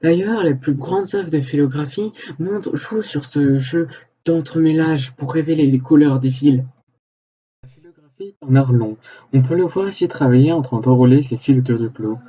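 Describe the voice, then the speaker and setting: A man's voice: fairly high pitch, normal speed, lo-fi sound, slight background noise, close to an everyday voice. A man playing an earnest TV reporter, reading scripted narration for a parody news report.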